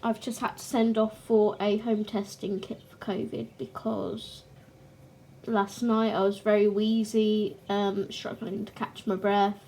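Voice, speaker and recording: A young woman running a colouring channel chats casually to camera in a croaky, mid-range voice that sounds short of breath, stopping now and then to clear her throat. Her delivery is flat and mellow, and the recording is rough.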